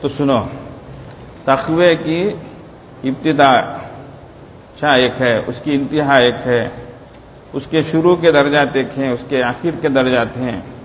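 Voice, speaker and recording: Preacher in an echoing hall. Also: male voice, mid-range voice, a little hiss or hum. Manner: rhetorical questions to the audience; slow emphatic phrases on religious words. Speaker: Islamic preacher. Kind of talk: Ramadan sermon. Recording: roomy long reverb, dull lo-fi sound.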